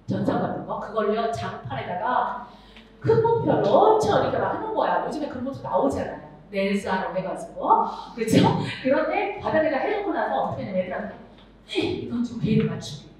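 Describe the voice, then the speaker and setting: A middle-aged woman teaching music to teachers at a seminar, animated, acting out voices and singing examples. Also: a little high, a little fast. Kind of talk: lively seminar lecture to teachers. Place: large lecture hall with audience. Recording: echoey hall, speaker far off, audience noise.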